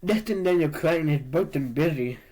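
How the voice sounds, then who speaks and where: A sniffly man co-hosts a casual podcast, his nose stuffed from allergies. He talks in a relaxed, chatty way, with a voice a bit above the usual pitch for a man. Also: fairly quick, low-quality recording. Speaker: podcast co-host. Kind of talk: casual chat.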